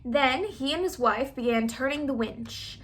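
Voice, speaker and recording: A woman reads a children's story aloud, narrating expressively. Her voice is high-pitched and slightly rough, and she goes a little slowly.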